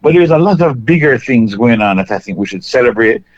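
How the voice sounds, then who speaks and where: A Jamaican man calling in to a radio show, speaking earnestly and in a measured way. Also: medium pitch, expressive, no echo. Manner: earnest, measured, thinks aloud with restarts. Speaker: caller. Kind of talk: phoned-in call to a radio show. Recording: dull phone line.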